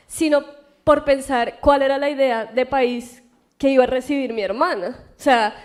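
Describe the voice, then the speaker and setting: A woman's voice: high voice, darkish tone. A Colombian woman in her thirties, a guest author answering questions in a university room, thinking aloud with frequent laughs. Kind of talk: conversational Q&A answers.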